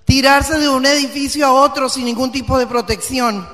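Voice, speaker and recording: A woman pastor preaches with fervor, dropping to near-whispers and then building to loud, emphatic peaks. Her voice rings out with the long reverb of a church hall. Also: high-pitched, little pitch movement, moderate pace. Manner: passionate, swinging from hushed to loud and emphatic. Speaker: guest pastor. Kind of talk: sermon.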